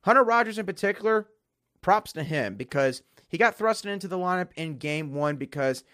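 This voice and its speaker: A man's voice: sits high, animated, normal speed, pushed and bright. A man hosting a solo sports podcast, his voice nasal from allergies, talking eagerly and speaking straight to his listeners. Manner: enthusiastic, direct address to listeners.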